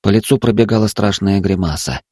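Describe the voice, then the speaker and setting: Male narrator with a low voice, dry close recording, measured dramatic reading. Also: a little mellow, dry recording. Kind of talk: storytelling narration.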